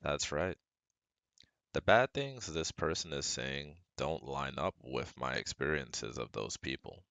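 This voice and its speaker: A young man plays a caring, protective best friend who studies psychology in a scripted ASMR roleplay, talking earnestly to the listener as a close friend, reassuring yet analytical. His rumbling low voice is gravelly, a bit bright and expressive, at a measured pace, delivered as a full character voice with no echo.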